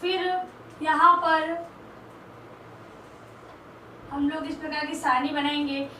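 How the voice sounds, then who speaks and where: A young woman, a teacher in training, delivers a slow and deliberate classroom lecture in a high voice, repeating key terms as she writes. She sounds distant from the mic in an echoey room. Faint hiss sits under the recording. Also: steady tone, bright, forceful tone.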